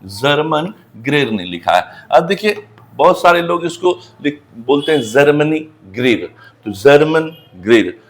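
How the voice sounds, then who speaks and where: Very animated and a little high-pitched, a middle-aged teacher from Bihar, India, delivers an English lecture at a measured pace in a Bihari Hindi accent. He turns students' questions back on them, then supplies the answers himself.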